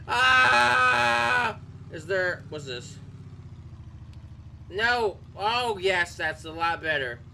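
Man, gaming commentary, joking, high-pitched, very bright and forceful tone, sudden shouts. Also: lively intonation, takes it slowly, pauses often, a little hiss or hum. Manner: joking, bursts into shouts while playing. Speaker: gaming YouTuber. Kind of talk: casual gameplay commentary.

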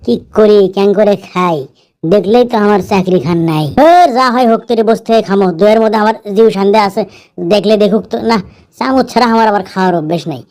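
Comedy dub: male actor as greedy, whiny young soldier, high voice, muttering and exclaiming in a Bogura accent. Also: fast talker, darkish tone, lightly acted. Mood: scheming. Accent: Bogura, northern Bangladesh. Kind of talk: comedy dubbing in dialect.

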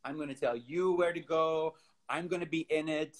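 A man's voice: a little high, normal speed. Kenyan-born man telling stories on a video call. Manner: relaxed storytelling with frequent ums and likes. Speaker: theater director. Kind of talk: casual video-call interview. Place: home room with bookshelves. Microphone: laptop webcam on video call.

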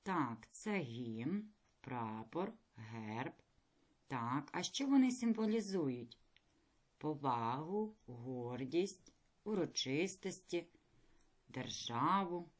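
A woman teacher leading a recorded reading lesson for fourth graders, addressing pupils directly with questions and praise. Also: low voice. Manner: slow, clear classroom explaining with lively intonation. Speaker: primary school teacher.

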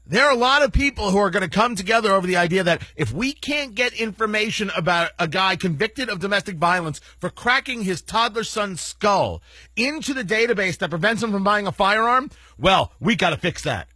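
A bright, lively man, riffing as a talk radio host. He lays on the sarcasm and swings his pitch wide, in a husky voice recorded close and dry. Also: fairly quick, no room sound. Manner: animated, sarcastic, indignant.

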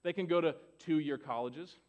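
A man's voice: fairly high pitch, normal speed, darkish tone, muffled recording. A pastor in his forties giving a sermon in church, conversational, often asking "right?" and restarting his sentences. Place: church sanctuary.

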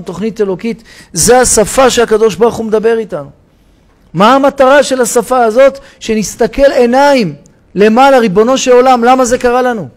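A rabbi delivers a sermon in a synagogue with a fairly high voice. He acts out his parables with rising cries and sudden drops to a hush. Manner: dramatic storytelling, shouting the parable's cries for help.

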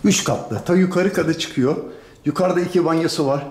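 A man from Turkey, a general contractor, chatting casually in a vlog from a house he is renovating, grumbling and swinging from tired sighs to loud rants. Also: on the high side, fairly quick, reverberant. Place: house under renovation, indoors.

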